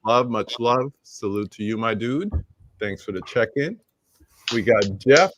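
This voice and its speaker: A middle-aged man with a mid-range, animated voice hosts a live roundtable stream, speaking unhurriedly with no echo. He's laid-back, casually greeting viewers and shouting out people from the chat.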